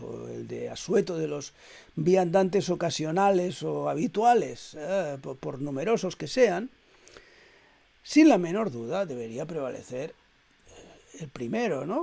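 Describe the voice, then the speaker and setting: A middle-aged man delivering a reflective spoken essay in a measured, hesitant way, with frequent "eh" fillers and repeated words. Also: on the high side, vocal fry, dark tone. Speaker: essayist reading his own text.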